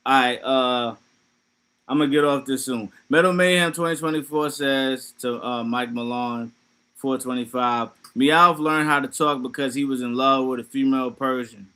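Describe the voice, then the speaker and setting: Bright-voiced man riffing casually on stream. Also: mid-range voice, fairly even intonation, moderate pace, smooth. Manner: loose, profane, joking riffs. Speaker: livestream host. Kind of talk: casual livestream commentary.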